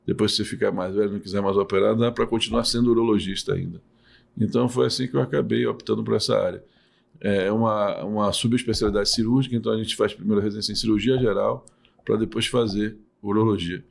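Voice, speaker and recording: A man's voice: fairly low pitch, fairly even intonation, quick pace, vocal fry. A middle-aged man from Salvador, a urologist and professor, answering podcast interview questions in a patient, explanatory way with many restarts. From Salvador, Bahia, Brazil.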